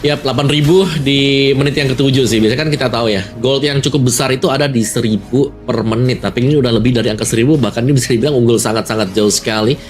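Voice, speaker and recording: A man's voice: mid-range voice, steady tone, fast talker, hardly any pauses, soft background music. An Indonesian man giving live esports analysis and commentary in a conversational, emphatic way. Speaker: esports caster.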